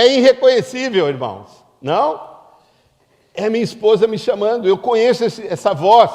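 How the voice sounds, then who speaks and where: A man with a Brazilian Portuguese accent, preaching a sermon as a pastor and stressing key words with slow, emphatic phrasing. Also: high-pitched, dark tone. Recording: long hall reverb.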